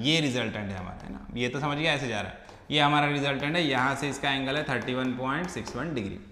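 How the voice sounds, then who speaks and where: High-voiced man teaching in an echoey room. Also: sharp tone. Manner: conversational, keeps checking students with "है ना"; asks questions and answers them himself. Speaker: engineering mechanics teacher. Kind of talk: explaining a solved problem on a board. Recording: echoey room with a long reverb tail.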